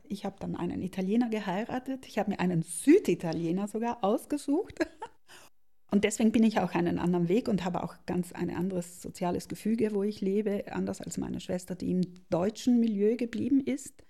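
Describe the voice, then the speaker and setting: A middle-aged woman, thoughtfully telling her life story as an interview guest and often pausing to search for words. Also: mid-range voice, vocal fry, dark tone. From South Tyrol, Italy. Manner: thoughtful, searching for words with many pauses and restarts. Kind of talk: reflective personal storytelling.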